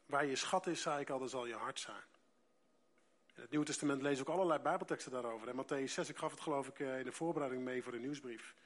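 A man from the preaching a sermon, reading scripture aloud and stressing key words by slowing down and rising in loudness. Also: medium pitch. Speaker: pastor.

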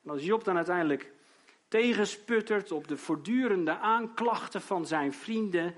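Preaching man, somewhat high voice. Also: normal speed. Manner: dramatic, rising to loud emphatic outbursts when quoting. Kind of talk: sermon.

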